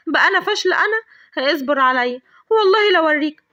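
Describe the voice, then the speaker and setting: A woman with an Egyptian accent voicing a proud, hot-tempered young woman in a storybook tale, with shrill, indignant outbursts. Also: quick pace, dull audio, natural voice. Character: fiery proud young woman, quick to anger.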